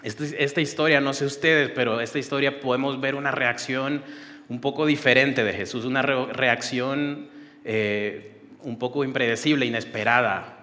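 A man preaching a sermon at middling pitch, his voice ringing with long reverb as in a church hall. He talks earnestly and conversationally, leading prayer and retelling a story with casual asides. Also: steady tone, normal speed, pushed and bright. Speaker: pastor.

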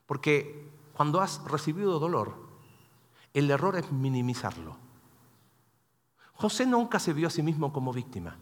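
A man's voice: on the high side, big pitch swings, moderate pace, pauses often, long reverb tail. A pastor preaching a sermon in a conversational way, questioning the congregation as he goes.

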